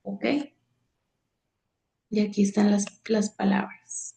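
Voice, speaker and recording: Slow, gravelly woman teacher. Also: medium pitch, monotone, dark tone. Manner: halting, many fillers, reads from slides. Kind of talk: slide lecture on accent rules.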